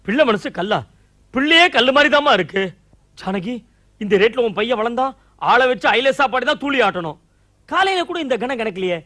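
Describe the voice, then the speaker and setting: An actor playing a flustered young husband and new father, firing off quick puns and exasperated complaints in a stage comedy. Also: very high voice, lively intonation, bright, forceful tone, full character voice. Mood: mocking. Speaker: lead comic actor. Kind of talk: Tamil stage comedy acting.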